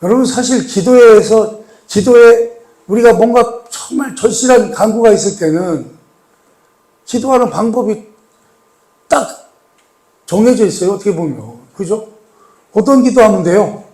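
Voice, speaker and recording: A male pastor with a notably high voice delivers a sermon. He asks his listeners questions and repeats key words for weight. He rises to emphatic lines, then drops to a soft, pleading hush. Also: lively intonation, a little slow, long pauses. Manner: addresses the congregation with rhetorical questions and repetition; swings between raised emphatic lines and soft, hushed pleading.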